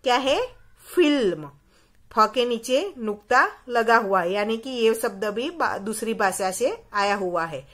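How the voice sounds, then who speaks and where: A woman's voice: fairly high pitch, animated, unhurried, few pauses, a bit bright. A woman teacher giving a recorded lesson to young children, explaining patiently and repeating key words as questions to check understanding. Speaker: school teacher.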